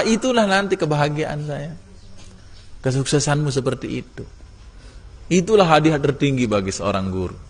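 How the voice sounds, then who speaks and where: Exhorting male religious teacher in a reverberant hall. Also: fairly high pitch. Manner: lively, teasing and exhorting students. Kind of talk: classroom religious lesson.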